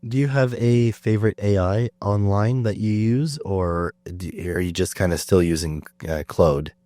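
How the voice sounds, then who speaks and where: A man's voice: lowish voice, normal speed, dark tone, dry recording. A man hosting a podcast, chatting casually with many fillers and restarts. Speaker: podcast host. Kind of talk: casual conversation.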